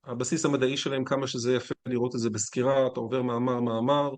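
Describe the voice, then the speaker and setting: A man's voice: medium pitch, level tone. A man, a physician, giving a conference lecture in a conversational, candid way with anecdotes.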